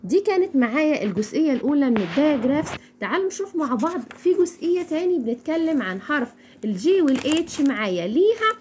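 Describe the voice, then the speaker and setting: Egyptian woman teaching phonics, lively voice. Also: sits high, slight background noise. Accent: Egyptian Arabic. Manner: repeats words slowly for learners to echo. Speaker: English teacher. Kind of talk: phonics lesson.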